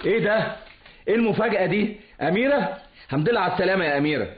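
An actor playing a friendly younger Egyptian son in a radio drama, trying to keep the peace. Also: male voice, high-pitched, lively intonation, racing, background noise. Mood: placating. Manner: friendly, placating. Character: easygoing younger son, eager to smooth things over. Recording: roomy lo-fi radio recording with music.

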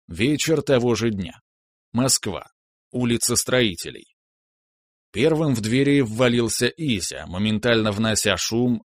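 A man reading a first-person novel aloud in an even storytelling manner. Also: lowish voice, no echo, clean studio sound. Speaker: audiobook narrator. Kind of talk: first-person audiobook narration.

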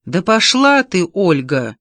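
A reader voicing a reckless grown man who loudly taunts his family and spills a secret. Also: medium pitch, very slow, no echo, clean studio sound. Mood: defiant. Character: defiant grown man, reckless blurting brother.

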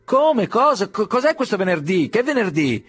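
Storybook dignitary playing deaf, squeaky and husky, outraged disbelief, as a male narrator puts him on. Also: sing-song, normal speed, a bit bright, heavily acted. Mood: feigned confusion. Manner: exaggerated, shrill incredulity. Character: high-pitched pompous dignitary feigning deafness. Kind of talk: audiobook reading.

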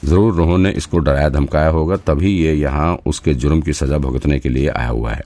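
A man's voice: a bass voice, normal speed, dark tone, no echo. A man voicing a confident male detective who questions a suspect with firm, probing questions, in an audiobook. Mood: explaining.

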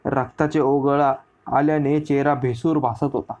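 A man narrating a historical story as an audiobook reading, in a steady storyteller delivery. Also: mid-range voice, normal speed.

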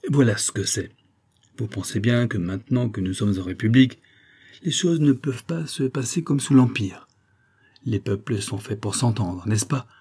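A man reading an audiobook, voicing a cheerful, excitable one-armed worker who talks eagerly. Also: lowish voice, normal speed, husky. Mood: earnest. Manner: exuberant, cheerful, talkative. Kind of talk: audiobook character voice.

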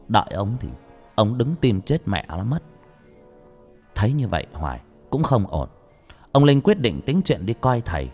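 A man narrating a ghost story in an expressive storytelling manner. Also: lowish voice. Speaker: audiobook narrator. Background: faint background music.

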